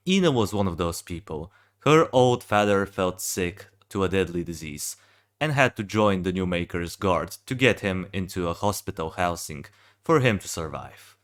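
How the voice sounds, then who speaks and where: A man's voice: low voice, a bit bright. A young man who just woke up reads a fan-made game backstory aloud, stumbling and restarting often. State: just woken up. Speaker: game fan reviewing a hero design.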